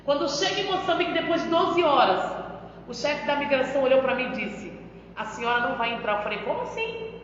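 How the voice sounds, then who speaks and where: A woman's voice: sits high, lively intonation, a little fast, slight background noise. A woman missionary with a Brazilian accent giving an emphatic testimony in a church, often turning to address the pastor. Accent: Brazilian Portuguese. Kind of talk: testimony preaching. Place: church hall. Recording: echoey church hall, dull sound.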